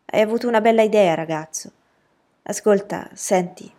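A woman voicing a spirited, quick-witted teenage boy in a storybook reading, speaking up eagerly. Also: mid-range voice, dark tone, natural voice. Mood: excited.

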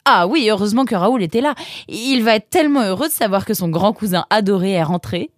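A man's voice: high voice, lively intonation, no echo, studio quality, pitched above the performer's own voice. A man voicing a chirpy, chatty young girl in a storybook. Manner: chatty, quick. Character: chirpy girl, the boy's sister.

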